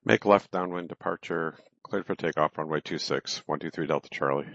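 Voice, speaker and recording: A man's voice: extremely low pitch, fairly quick, gravelly, fairly bright tone, dry recording. A man flying a small plane, making clipped radio calls and readbacks to air traffic control over his cockpit headset. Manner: clipped, standard aviation phraseology with readbacks. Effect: cockpit headset radio transmission. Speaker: private pilot. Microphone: headset microphone. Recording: dull, lo-fi, dry radio audio.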